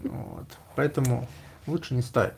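A man's voice: mid-range voice, a little slow, creaky, slight background noise. A man in his thirties chatting casually as a vlog host, in an informal, slangy, joking way. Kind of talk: casual chat. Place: small indoor room packed with gear.

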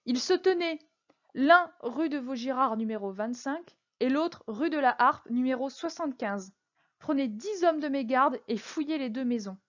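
A woman's voice: sits high, lively intonation, highs cut off. Woman voicing a stern scheming cardinal. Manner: measured, quietly menacing. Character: stern, cunning old male cardinal, cold and commanding.

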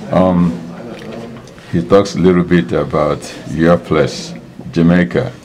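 A deep-voiced man interviewing guests at a church memorial, chatting warmly and affirming each answer. A loud crowd murmurs behind him in the hall. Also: steady tone, takes it slowly. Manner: warm, chatty, frequent affirmations. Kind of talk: casual interview.

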